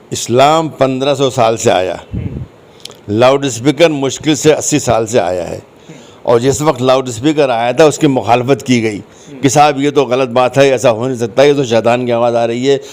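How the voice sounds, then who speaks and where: As an interview guest and commentator, he explains himself conversationally and repeats phrases to drive points home. His medium-pitched voice is expressive and a little mellow, at a moderate pace.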